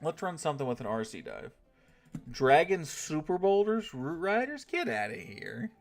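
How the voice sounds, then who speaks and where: A man's voice: fairly high pitch, very animated, moderate pace, creaky. Laid-back American guy streaming with music. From United States. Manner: laid-back, reads chat aloud, tag questions like "right?". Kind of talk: casual live-stream chat while gaming.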